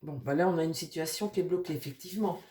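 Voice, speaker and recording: A woman with a deep voice talks fast, nasal from a cold, as she reads tarot for her viewers. She rambles with many fillers and addresses her cards softly.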